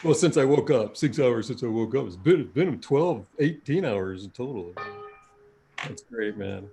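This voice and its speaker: A man's voice: medium pitch, lively intonation, moderate pace, gravelly, mellow, slight background noise. A man co-hosting a podcast, chatting in a loose, profane way and laughing often. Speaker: podcast co-host. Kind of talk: casual chat.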